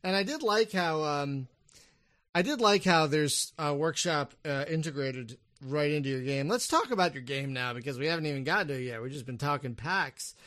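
Male host, slightly higher voice, chatty, stumbling restarts, dry close mic. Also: lively intonation, moderate pace, a bit bright, no room sound. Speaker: podcast host. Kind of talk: casual podcast interview.

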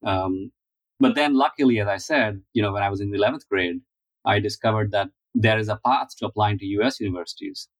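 A man in his forties from India, answering interview questions in a measured, thoughtful way with frequent fillers. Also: lowish voice, dry recording, low-quality recording. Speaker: guest, finance founder.

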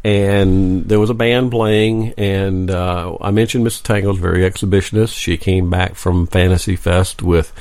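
Man, low voice, gravelly, podcast co-host, wry joking storyteller. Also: fairly even intonation, moderate pace, few pauses, a little mellow, no echo. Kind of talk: casual storytelling chat. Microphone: podcast microphone.

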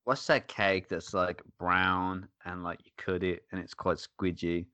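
Laid-back male podcast co-host, low voice, dry close sound, casual beer-chat delivery. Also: little pitch movement, unhurried, sharp tone, smooth, no room sound. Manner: laid-back, laughing often.

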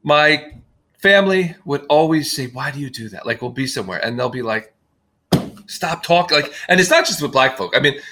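A man's voice: mid-range voice, lively intonation, fairly quick, sharp tone. A man being interviewed on a podcast, talking in a rambling, self-deprecating way with frequent restarts. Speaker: guest filmmaker. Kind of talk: casual podcast conversation.

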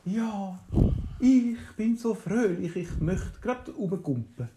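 A woman's voice: low voice, very animated, a little slow, dark tone. A woman with a Swiss German accent voicing a cheerful, knowing little male robot, stretching her words in a bouncy way. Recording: roomy, echoey.

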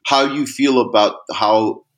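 A young man co-hosting a podcast in casual chat, animated and jumping into high, loud voices when he mimics other people. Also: a little slow. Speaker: podcast co-host.

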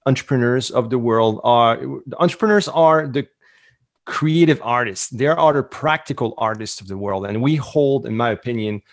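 A man's voice: medium pitch, normal speed, dry recording, clean studio sound. Man with a Quebec French accent. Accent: French Canadian (Quebec French). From French-speaking Canada. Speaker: interview guest, entrepreneur. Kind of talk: casual interview talk.

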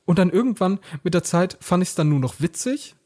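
Young male co-host, fast and husky, rambling storyteller. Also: high voice, animated, mellow. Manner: rambling, acts out quoted lines. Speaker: podcast co-host. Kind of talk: casual storytelling chat.

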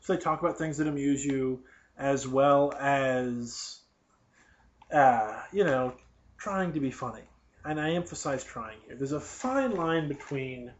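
A man's voice: on the high side, darkish tone. A young man hosting a podcast, reading a college newspaper aloud and sarcastically picking it apart, rambling off on tangents. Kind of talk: casual live commentary. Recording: dull lo-fi recording.

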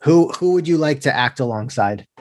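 A man hosting a casual chat, relaxed and rambling, with jokey asides. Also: fairly high pitch, moderate pace, no room sound.

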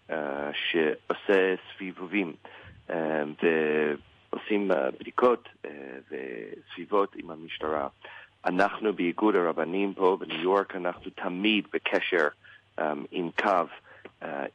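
A man with an American English accent in Hebrew, a native English speaker, answers a radio interview as a rabbi, haltingly searching for words. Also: sits low, no echo, dull audio.

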